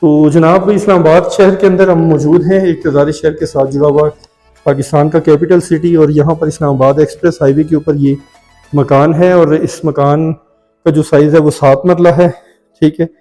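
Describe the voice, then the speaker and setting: A man with a Pakistani Urdu accent gives a relaxed walk-through of a house, wandering off into chatty side stories before coming back to the rooms. His voice sits a little high yet sounds dark and mellow. Faint music plays under him. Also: normal speed. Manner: chatty, digressive, often adds "theek hai". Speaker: vlogger touring a house for sale. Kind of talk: casual walk-through commentary. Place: indoors and on a rooftop of a house.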